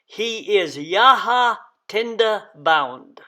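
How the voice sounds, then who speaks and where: A man with a notably high-pitched speaking voice acts as presenter. He introduces songs in a halting way, stopping often to hesitate between phrases. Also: animated, sharp tone. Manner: halting, with frequent long hesitations and "uh".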